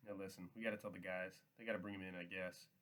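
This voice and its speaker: A tired, resigned farmhand, voiced by a male reader, low and flat, with a slow, heavy manner. It sounds like storybook reading more than full acting. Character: weary, guarded male farmhand.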